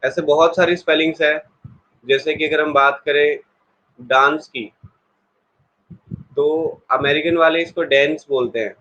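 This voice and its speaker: A man's voice: a little high, fairly even intonation, measured pace, long pauses, pushed and bright, dull audio. A man teaching an online exam-prep English class in a chatty way, explaining with everyday examples and talking straight to his students.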